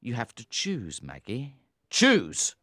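A cold, scornful young man, read by a woman putting on a low voice in a storybook recording. He talks with a hard, commanding edge and swings widely in pitch. The sound is dry and close. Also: very animated, moderate pace, fairly bright tone, no echo, heavily acted. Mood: angry. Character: stern young man, cold and harsh brother.

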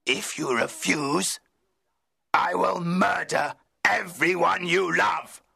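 A man voicing a wretched, menacing man-made monster in a dramatised audiobook, pleading slowly in a rasping, bitter voice. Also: sits high, pushed and bright, no echo, studio quality, full character voice. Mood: threatening. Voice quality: gravelly, rasping. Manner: slow, heavy, emotional pleading.

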